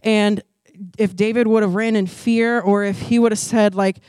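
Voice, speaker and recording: A woman's voice: mid-range voice, fairly even intonation, normal speed, a little mellow, clean tone, dry recording. A woman preaching a sermon in a conversational way, full of "like" and "y'all", rising into emphatic preaching at key points. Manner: conversational, often says "like" and "y'all". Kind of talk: youth sermon.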